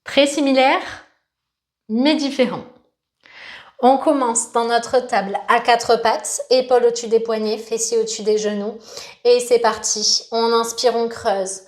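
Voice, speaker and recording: Yoga teacher lady, slightly high voice, calm steady cues for breathing and moving. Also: a little slow. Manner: calm cueing of breath and movement. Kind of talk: guided yoga class.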